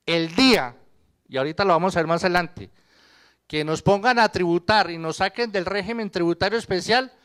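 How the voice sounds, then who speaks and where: A man's voice: high voice, fairly bright tone, smooth. Man lecturing a seminar crowd. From Colombia. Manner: conversational lecturing, quizzes the audience, jokes. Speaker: accountant presenting to a seminar. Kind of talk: live seminar presentation.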